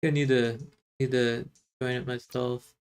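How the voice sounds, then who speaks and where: A man's voice: medium pitch, flat delivery, unhurried. A man hosting a gaming livestream, chatting casually and rambling in a laid-back, friendly way. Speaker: streamer host. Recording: music playing clearly behind the voice.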